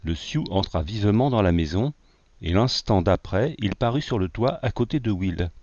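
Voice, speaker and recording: A man narrating an adventure novel in a steady, measured storytelling voice. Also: lowish voice, no echo. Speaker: audiobook narrator. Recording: dull lo-fi, dry.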